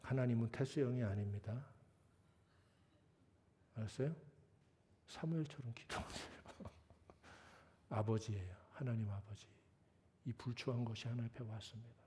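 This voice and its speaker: A man's voice: mid-range voice, moderate pace, pauses often, dark tone. A middle-aged male pastor preaching a sermon in a conversational, scolding and joking way, acting out prayers. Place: church sanctuary.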